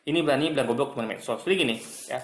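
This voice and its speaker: A man's voice: medium pitch, racing. Argumentative man commenting in an echoey room. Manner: argumentative, mocking, repeats "guys" and "gitu kan". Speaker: online commentator. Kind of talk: casual commentary monologue.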